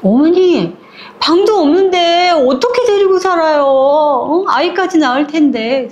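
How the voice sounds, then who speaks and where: A woman's voice: high voice, sing-song, unhurried, highs cut off. A woman voicing a flustered young wife. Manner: polite, flustered. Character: pregnant young wife, hurt and worn down.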